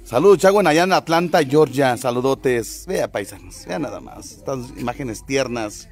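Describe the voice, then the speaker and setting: A man's voice: mid-range voice, expressive, moderate pace. A man hosting a casual livestream, jovially greeting viewers by name and teasing the locals. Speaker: vlogger and livestream host.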